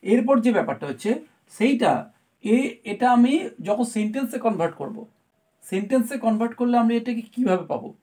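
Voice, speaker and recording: A woman's voice: fairly high pitch, expressive, normal speed, mellow. A woman teaching a grammar lesson to students. She explains step by step and keeps checking that they follow. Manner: explains patiently, often checks with "right?".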